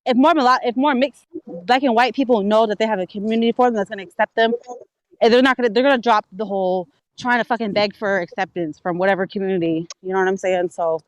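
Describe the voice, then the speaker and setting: A woman's voice: medium pitch, quick pace, no echo. A woman hosting a livestream chat, casual and agreeable, with loose talk and some swearing. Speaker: livestream host.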